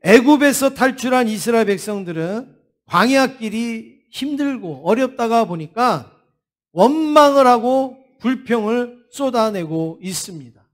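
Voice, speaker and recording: A man's voice: very high-pitched, lively intonation, a little slow. A man preaching a Sunday sermon as senior pastor. He asks the congregation questions and acts out the people's pleading and complaints. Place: church sanctuary.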